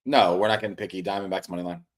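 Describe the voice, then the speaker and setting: A man co-hosting a sports betting podcast in casual chat, blunt and dismissive with a deadpan, teasing manner. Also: low-pitched, very fast.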